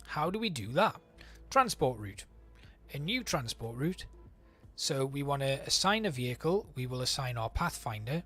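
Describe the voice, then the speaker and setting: A man's voice: medium pitch, big pitch swings, normal speed, pushed and bright, faint music behind. Chatty man narrating his gameplay. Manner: chatty, thinking aloud while playing. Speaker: game streamer. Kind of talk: let's play commentary.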